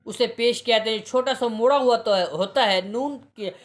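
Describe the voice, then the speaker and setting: With a very high voice, a man teaches a reading lesson, slowly and patiently spelling out letters and vowel marks. He often asks a question and then answers it himself.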